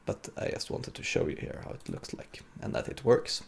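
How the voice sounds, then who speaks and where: At a conference, a man with a husky, gravelly voice explains his work casually during a live coding session. He speaks at a normal speed.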